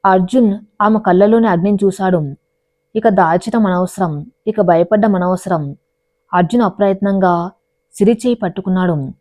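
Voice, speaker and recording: A woman's voice: medium pitch, moderate pace, pauses often, darkish tone, no room sound. A woman narrating a dramatic love story as a storyteller, in a scripted reading style. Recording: dry, dull lo-fi voice recording.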